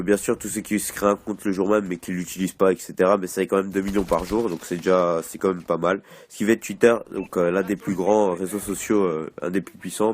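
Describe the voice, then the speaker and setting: A man's voice: deep voice, darkish tone. A man hosting a gaming video, talking casually over gameplay, rambling with many fillers and repeats. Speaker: gaming channel host.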